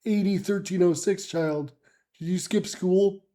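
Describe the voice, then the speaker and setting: A man voicing a gruff, short-tempered goat herder who scolds and threatens. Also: high voice, steady tone, unhurried, warm tone. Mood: scornful.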